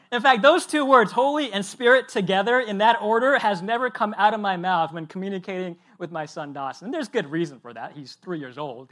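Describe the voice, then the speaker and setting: A man in his thirties, a pastor, preaching a sermon in a lively, chatty storytelling way. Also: high-pitched.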